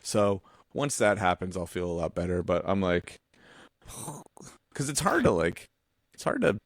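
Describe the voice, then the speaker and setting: With a low, unhurried voice, a forties-aged visual artist co-hosts a podcast in a relaxed, chatty way. He keeps cutting himself off and starting over as he spins lively stories, dropping the occasional swear word. There's no room sound, just clean studio audio.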